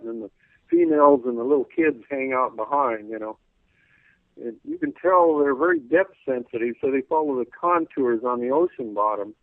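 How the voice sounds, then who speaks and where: Guy on the phone to a radio show, folksy rambling, voice going hoarse, tinny phone line. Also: mid-range voice, dry recording. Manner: rambling, folksy, full of "you know". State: losing his voice, clearing his throat. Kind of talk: casual call-in radio interview. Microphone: telephone.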